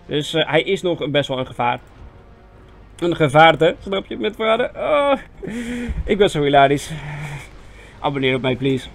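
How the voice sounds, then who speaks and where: A young Dutch man giving casual, self-mocking commentary on a strategy game, chatty with sudden excited yelps. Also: fairly high pitch, moderate pace, vocal fry, pauses often. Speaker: gaming video host. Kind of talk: casual let's-play commentary. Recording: faint game music behind voice.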